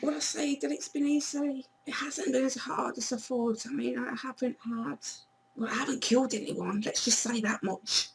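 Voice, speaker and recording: A woman chatting casually to camera in a vlog, her voice hoarse and failing, blunt and swearing now and then. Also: sits high, fairly even intonation, moderate pace, a little hiss or hum, poor audio. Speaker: vlogger.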